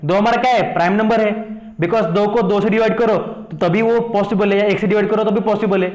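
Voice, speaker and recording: Speaking a little fast in a steady, darkish, high-pitched voice, a man with an Indian accent teaches a maths lesson in an echoey room. He mixes Hindi with English, repeats questions to check his students are with him, and coaxes them with "thik hai na".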